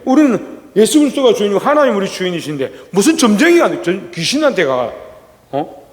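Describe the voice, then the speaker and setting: Man, pastor, sermon, fairly high voice, long church reverb, asks and answers his own questions. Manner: asks the congregation questions and answers them himself; swings between loud, rising exclamations and low asides. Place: church sanctuary.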